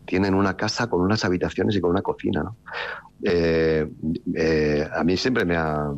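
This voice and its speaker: A man's voice: sits low, fairly even intonation, normal speed, muffled recording. A middle-aged man from the Country, an author chatting in an interview. He rambles with many restarts and a wry, ironic streak. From Basque Country, Spain. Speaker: novelist being interviewed. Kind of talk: casual interview talk.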